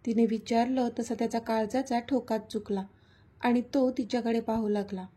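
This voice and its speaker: A woman narrates a serialized love story as a scripted storybook reading. Her voice is fairly high, with a warm, breathy tone. She keeps an even, gentle pace. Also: moderate pace.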